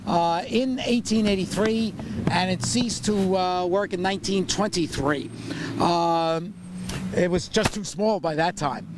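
A man's voice: high-pitched, measured pace. An older man leading an outdoor walking tour, rambling with many fillers and wry puns. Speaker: tour guide and borough historian. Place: city sidewalk outdoors in winter. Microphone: handheld microphone. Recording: street noise, far camera mic.

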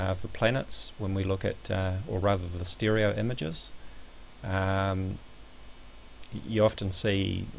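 Low, creaky-voiced man explaining on screen. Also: a little hiss or hum, low-quality recording. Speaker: amateur astronomy video presenter. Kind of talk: screen-recorded explanatory commentary.

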